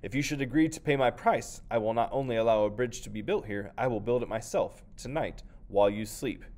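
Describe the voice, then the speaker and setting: A man voicing a menacing male ogre who thunders slowly and loudly in a folktale read-aloud. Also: medium pitch, lightly acted.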